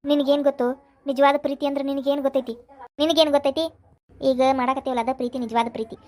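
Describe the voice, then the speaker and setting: A woman's voice: high-pitched, steady tone, dark tone, natural voice. A woman with a North Karnataka Kannada accent voicing a lovesick, tearful young village man in a cartoon. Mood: insistent. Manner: pleading, emotional, fast. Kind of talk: cartoon voice acting.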